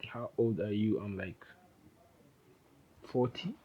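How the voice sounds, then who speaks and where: Casual low-voiced man teaching code. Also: steady tone, slow pace, phone-quality sound, a little hiss or hum. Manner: informal, rambling, self-correcting. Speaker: programming instructor. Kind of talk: casual screen-recorded coding tutorial.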